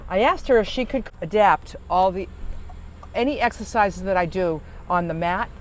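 A man's voice: high voice, moderate pace, slight background noise, rough recording. A man chatting casually to camera from his parked van at a rest stop, rambling with fillers and restarts. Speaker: van-life vlogger.

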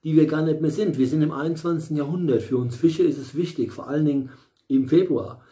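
Rambling man with a dark, mellow voice. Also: on the high side, fast talker. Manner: rambling, many fillers and restarts, blunt asides. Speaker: tarot reader. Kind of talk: casual monthly tarot reading. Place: small room at home, in front of a bright window.

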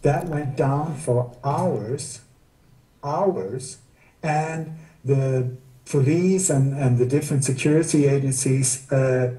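This guest researcher talks slowly in a casual interview, his average-pitched voice very dark and mellow. He likes to prod his subject with sarcastic rhetorical questions. The recording catches him far from the mic, with clear room echo.

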